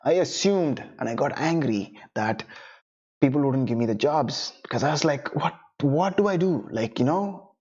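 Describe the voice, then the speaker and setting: In this casual online lesson, a young man whose mother tongue is Tamil addresses the camera while coaching freelancers. His voice sits at medium pitch, animated and at a normal speed, darkish with a breathy edge, though the audio is dull. He talks conversationally, often tossing in "right?" and "you know."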